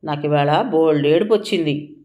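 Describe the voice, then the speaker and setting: A woman voicing a hungry, sulky six-year-old girl who whines in a quick, tearful way. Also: low voice, phone-quality sound, close to an everyday voice.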